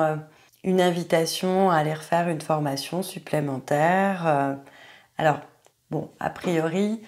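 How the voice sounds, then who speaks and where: A woman giving an astrology card reading, talking gently and hesitantly with many fillers. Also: lowish voice, vocal fry. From France. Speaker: tarot card reader.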